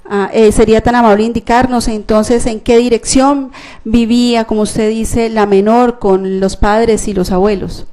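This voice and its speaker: A woman lawyer questioning a witness in court, formal and polite, halting with fillers. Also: on the high side, steady tone, warm tone.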